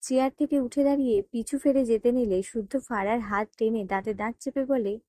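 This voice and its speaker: A woman's voice: a little high, a little fast, dry recording, clean studio sound. Woman narrating an audio story. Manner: steady storytelling. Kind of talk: scripted narration.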